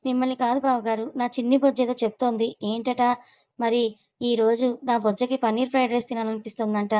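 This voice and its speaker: A woman's voice: on the high side, little pitch movement, fast talker, mellow, close to an everyday voice. A woman voicing a teasing, cheeky young woman in a storybook reading, playful and coy.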